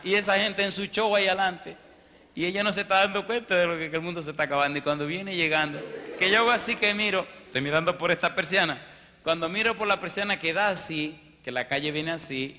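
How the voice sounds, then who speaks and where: A man's voice: a little high, a little hiss or hum. A man preaching as a pastor, telling a dramatic story and acting out the dialogue and sound effects. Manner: animated, acts out sounds and dialogue. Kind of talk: storytelling sermon. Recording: lo-fi recording in a reverberant hall.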